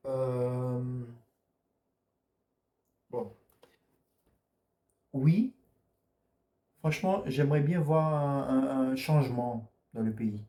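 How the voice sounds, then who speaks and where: A man's voice: mid-range voice, drawn-out words, long pauses, dark tone, reverberant. A man from answering interview questions in an earnest way, often repeating and restarting his words. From French Guiana. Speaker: interview guest.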